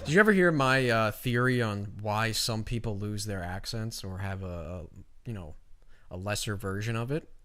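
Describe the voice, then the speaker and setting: Male podcast co-host, lowish voice, swears freely, chatty. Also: moderate pace, sharp tone. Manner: profane, talkative. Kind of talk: casual chat.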